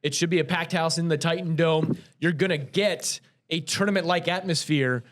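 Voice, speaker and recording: A man's voice: on the high side, steady tone, moderate pace. A man co-hosting a casual local sports show, rambling and self-correcting as he previews games.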